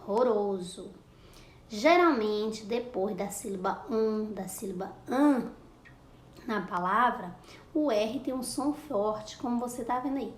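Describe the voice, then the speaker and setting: A higher-pitched woman talks young pupils through a lesson at an unhurried pace. She repeats words and sounds out syllables with patience. Her voice echoes around a room with a faint hum of ambience behind it. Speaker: primary school teacher. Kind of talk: recorded classroom lesson for children.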